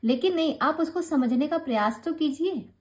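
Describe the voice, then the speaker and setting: A woman teaching an online grammar class, patient and encouraging, slowing down to spell out each rule. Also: high voice, expressive, darkish tone. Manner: encouraging, patient explaining, slows to spell out rules.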